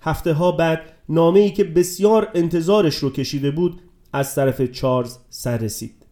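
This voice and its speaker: A man narrating a story aloud in a calm, measured way. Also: on the high side. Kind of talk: audiobook narration.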